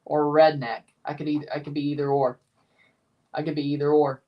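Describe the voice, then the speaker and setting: The audio is dull and the mic a bit far off as this Southern US male streamer chats loosely during a live match watchalong. His voice is a little high and flat, a little fast, and his rambling includes some mild cursing.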